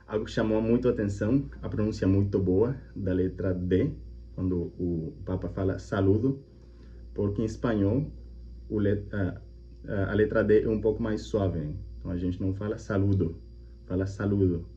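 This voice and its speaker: Guy explaining language stuff, real deep and dark, kinda muffled audio w/ a little hum. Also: fairly even intonation, moderate pace. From Colombia. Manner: friendly, chatty, repeats examples with frequent "né?". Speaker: language teacher and channel host. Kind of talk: casual explanatory reaction video. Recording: slightly muffled with faint hum.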